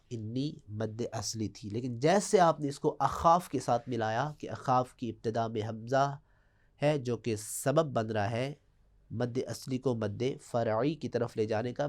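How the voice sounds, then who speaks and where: A man with a Pakistani Urdu accent teaching a tajweed lesson. He explains step by step and draws out example words slowly in a chanting recitation. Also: mid-range voice.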